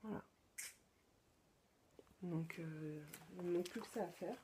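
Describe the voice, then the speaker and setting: A woman from France hosts her own podcast in a casual show-and-tell chat, pausing often with fillers and restarting her sentences. Her voice sits low and mellow, and she sometimes drops into soft whispered asides. A faint noise runs underneath. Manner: hesitant, many fillers and restarts. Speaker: podcast host.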